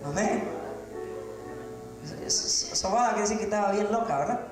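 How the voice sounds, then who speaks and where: A man preaching a sermon to his congregation, shouting at the high points and teasing the listeners with questions. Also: expressive, moderate pace. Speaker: pastor. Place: church sanctuary. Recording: very echoey church hall with music.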